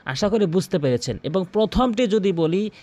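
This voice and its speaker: A man teaching a Quran recitation lesson, repeating each sound slowly so listeners can practise along. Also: high voice, lively intonation, dark tone. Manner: stretches out chanted recitation in a drawn-out melodic voice. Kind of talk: pronunciation lesson.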